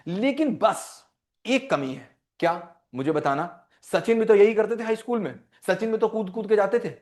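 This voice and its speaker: High-voiced man coaching teens. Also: moderate pace. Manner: animated, repeats lines for emphasis, mixes Hindi and English. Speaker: parenting mentor and life coach. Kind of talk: motivational talk to teens. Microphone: online session.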